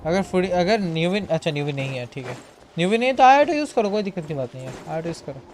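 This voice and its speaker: A man's voice: fairly high pitch, big pitch swings, fast talker, slight background noise. Man bantering during a game. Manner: asks questions, banters. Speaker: co-player. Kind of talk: casual gaming chat.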